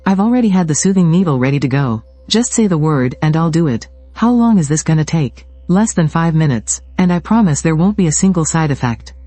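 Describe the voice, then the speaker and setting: A man's voice: on the high side, expressive, brisk, few pauses, mellow, no echo, soft background music, close to an everyday voice. A man voicing a modest, self-assured young male mystic healer in his own everyday voice. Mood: calm.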